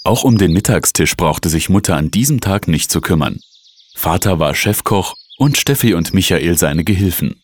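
A man narrating a children's story aloud in a calm, even storytelling voice. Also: deep voice, normal speed.

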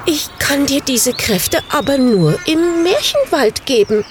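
A timid little witch frets and pleads, played by a woman reading a fairy tale. The voice leaps high above the narrator's, thin and anxious. A soft vehicle hum hums faintly behind. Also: animated, slow.

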